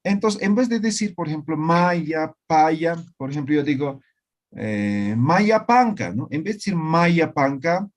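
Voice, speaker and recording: A man teaching a language class online, slowly repeating words and often checking that students follow. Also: fairly high pitch, expressive.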